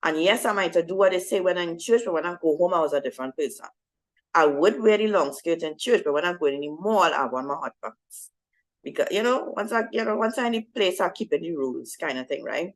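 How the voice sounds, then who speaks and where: At a women's ministry talk, a young adult woman shares her personal faith testimony with a women's group, speaking conversationally and often checking in with her audience. Her voice is lowish and brisk with lively intonation, full of fillers and "right?", though the audio quality is poor.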